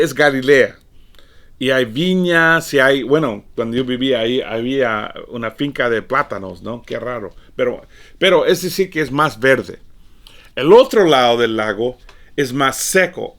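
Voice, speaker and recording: Man preaching a conversational sermon. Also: medium pitch. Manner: conversational preaching, frequent "fíjate" and repeated words; swings from quiet asides to emphatic raised lines. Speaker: pastor. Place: church or studio, livestreamed.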